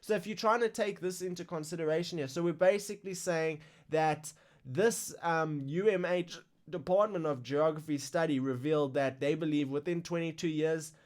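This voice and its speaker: A man with a slightly high voice hosts a casual crypto news live stream. He reads through price drops with excited asides while trying to talk past a bout of hiccups. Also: normal speed. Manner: excitable, exclaims over numbers.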